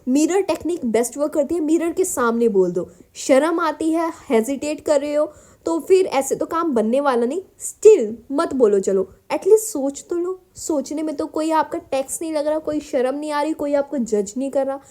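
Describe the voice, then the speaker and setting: A woman's voice: high-pitched, expressive, moderate pace, warm tone. A woman from India teaching spoken English in a Hindi-English mix, encouraging and addressing viewers as her children. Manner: mixes Hindi with English phrases. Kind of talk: Hindi-English mixed lesson.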